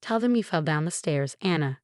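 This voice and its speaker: A woman's voice: sits low, expressive, brisk, a little mellow, dry recording, clean studio sound. A woman voicing an anxious mother who pleads and makes excuses. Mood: pleading.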